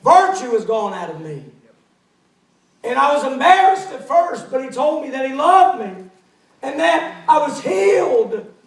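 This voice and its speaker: A man playing a joyful healed woman, earnestly recounting her cure. High voice, roomy church echo, distant mic. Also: big pitch swings, a little slow, creaky, exaggerated voice. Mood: relieved. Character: woman healed after years of illness, joyful.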